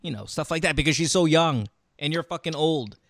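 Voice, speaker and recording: A man's voice: on the high side, a little fast, creaky, a bit bright, dry recording, studio quality. A man hosting a call-in advice show, blunt, impatient and heavy on profanity. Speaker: radio show host.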